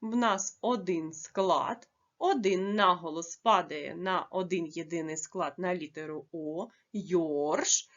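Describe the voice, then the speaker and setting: Woman teacher doing a kids' lesson, stretches words out slow, kinda muffled recording. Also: on the low side, a bit bright. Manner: slow, careful dictation with drawn-out words. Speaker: primary school teacher. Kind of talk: classroom lesson for young children.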